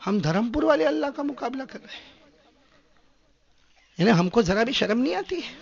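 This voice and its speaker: A man from Gujarat, preaching an animated, humorous sermon and questioning his listeners, in a dull lo-fi recording. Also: sits high, gravelly. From Gujarat, India. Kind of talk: sermon with anecdotes.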